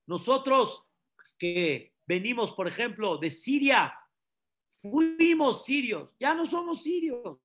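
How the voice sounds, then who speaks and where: A rabbi preaching a sermon, repeating phrases and asking the listeners questions. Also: male voice, very high voice, very animated, takes it slowly, fairly bright tone. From Mexico. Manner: preaching with repetitions and rhetorical questions.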